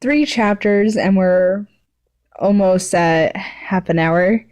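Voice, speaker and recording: A fan fiction writer and reader who hosts her own channel gives an amateur, self-deprecating story reading mixed with casual chat. Her mid-range voice is a little mellow and slow, and she stumbles over words now and then.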